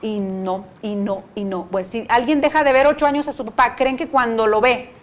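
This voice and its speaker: A woman's voice: a little high, normal speed. A woman psychologist lecturing an audience, acting out what parents and children say. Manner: lively, acts out quoted parents and children.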